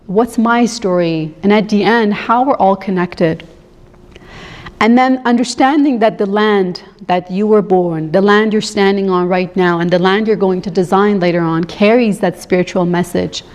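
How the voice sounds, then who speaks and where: Born in Iran and raised in Canada, a woman gives a reflective, informal conference presentation as an instructor explaining student work. Her voice is mid-range and a little mellow, heard in an echoey hall with long reverb.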